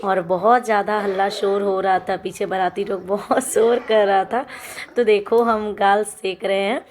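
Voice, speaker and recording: A woman's voice: medium pitch, steady tone, measured pace, a little mellow, slight background noise. A young woman narrating a family wedding vlog in a chatty, casual way, laughing now and then as she explains the customs. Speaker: vlogger.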